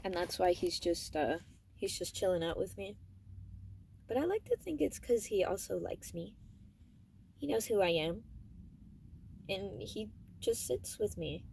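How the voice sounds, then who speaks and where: A young adult woman vlogger telling a personal story in a casual, rambling, fond way, with animated emphasis and trailing asides. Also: mid-range voice, unhurried, gravelly, long pauses, a little hiss or hum.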